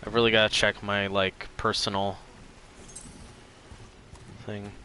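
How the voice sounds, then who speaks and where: A man's voice: on the low side, level tone, slow pace, sharp tone, a little hiss or hum. A man with a congested, stuffy nose, casually commentating on his own video game play in muttered reactions.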